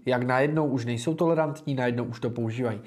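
A young Czech man hosts a political livestream at an ordinary mid pitch. He talks bluntly and informally, breaking his sentences with filler sounds as he reads comments and speaks his mind. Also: a little mellow. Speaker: livestream host and political candidate.

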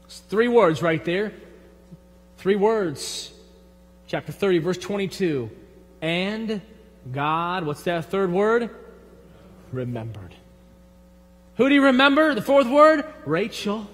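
High-voiced Michigan pastor preaching in a hall. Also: male voice, big pitch swings. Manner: folksy, emphatic preaching with quick drops to a hush. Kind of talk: sermon. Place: large church sanctuary. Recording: long hall reverb from the sanctuary.

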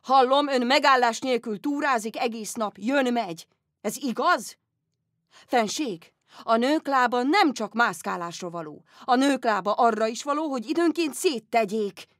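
An actress putting on a rude, blunt male doctor who lectures loudly and bossily. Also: on the high side, animated, no room sound, clean studio sound, pitched above the performer's own voice, natural voice. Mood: scolding. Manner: loud, lecturing, bossy.

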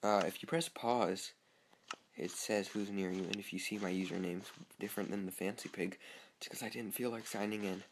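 Young guy rambling over his game, lowish gravelly voice, bit of hiss behind. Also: steady tone, normal speed. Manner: chatty, easily startled, talks to himself. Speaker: gamer. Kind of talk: casual gameplay commentary.

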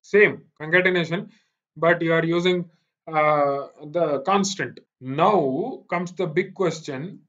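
Here an Indian-accented programming instructor lectures live online, his voice on the high side, fairly bright, and slow. Repetition and frequent comprehension checks mark his teaching, and the meeting recording sounds dull and lo-fi.

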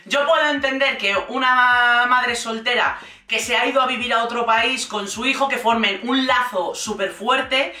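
A woman's voice: a little high, moderate pace, echoey room, recorded from a distance. A woman from giving casual, sarcastic commentary on a reality show. She acts out the people she quotes as she talks. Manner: sarcastic and expressive, mimics people in quoted voices.

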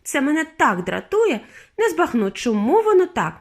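A woman voicing an eccentric male candy maker who sighs and sounds apologetic, pitched lower than her narration. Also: big pitch swings, normal speed. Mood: rueful.

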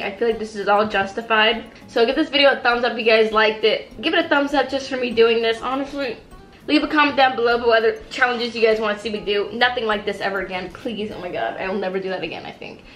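A woman vlogger chatting casually through a cooking and eating challenge, reacting with lively exclamations. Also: a little high, dull audio. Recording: roomy echo, faint noise.

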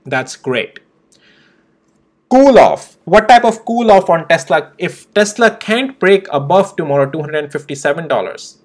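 A man's voice: a little high, fairly bright tone. A young man hosting a stock trading channel, walking through charts in a casual, emphatic way with frequent tag questions. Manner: emphatic, repeats tag questions like "right?" and "okay?". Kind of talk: casual chart analysis walkthrough.

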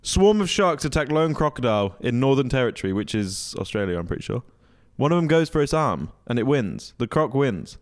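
A man's voice: mid-range voice, sing-song, fairly quick, few pauses. A young man co-hosting a casual podcast, jokey, laughing often and swearing casually. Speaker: podcast co-host. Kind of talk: casual chat.

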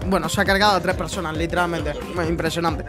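A man's voice: on the high side, fairly even intonation, quick pace, over music. A young man from Spain with a Spanish accent, reacting to gameplay clips, exclaiming, laughing and swearing as he goes. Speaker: gaming YouTuber reacting to clips. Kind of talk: excited gameplay reaction commentary.

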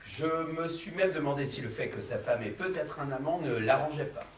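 A man's voice: a little high, lively intonation, moderate pace, a little hiss or hum. A man playing an ambitious notary clerk in a stage comedy, explaining himself evasively with small stammers. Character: ambitious, smooth-talking young male notary clerk. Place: theatre stage. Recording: echoey hall from far off.

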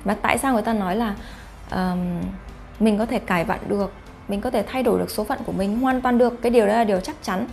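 A woman's voice: medium pitch, fast talker, gravelly, darkish tone, soft background music. A woman vlogger talking casually to her viewers, often asking them rhetorical questions. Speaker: YouTube vlogger host. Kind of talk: talking to camera about face reading.

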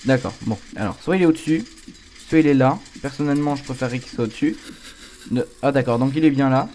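A man's voice: medium pitch, fast talker, a little mellow. A man giving casual horror game commentary, a scared, jumpy gamer reacting aloud as he plays. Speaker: video game streamer. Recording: clear background noise.

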